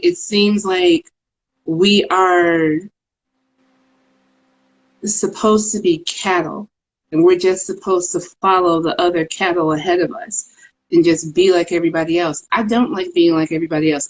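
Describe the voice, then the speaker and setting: An articulate woman from Chicago co-hosting a podcast in casual chat, earnest and quick to laugh. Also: on the low side, poor audio. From Chicago, USA. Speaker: podcast co-host.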